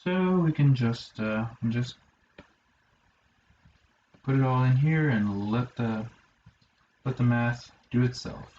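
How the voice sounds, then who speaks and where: A man's voice: mid-range voice, slow pace, pauses often, darkish tone. A man teaching a college math lesson, talking himself through each step with fillers and dry asides. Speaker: math instructor. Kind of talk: lecture. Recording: roomy, slightly dull lo-fi sound with faint hiss.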